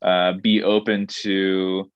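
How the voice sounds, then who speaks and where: A restaurant director answering interview questions in a thoughtful, measured way, pausing with ums and restarting his phrases. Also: low voice, flat delivery, clear, resonant tone, no echo, highs cut off. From born in Saudi Arabia, grew up in Indonesia.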